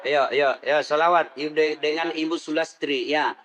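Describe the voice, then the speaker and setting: A man's voice: a little high, steady tone, normal speed, fairly bright tone. A middle-aged man preaching a comedic sermon, teasing the crowd and leading call-and-response. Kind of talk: comedic sermon to a live audience.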